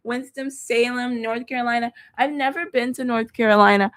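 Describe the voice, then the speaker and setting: Talking straight to her livestream viewers, this young Texan tarot reader keeps things chatty and full of slang, with a faint Southern lilt. Her voice runs on the high side and fairly bright, with fairly even intonation and a moderate pace. She's picked up by a phone or laptop microphone.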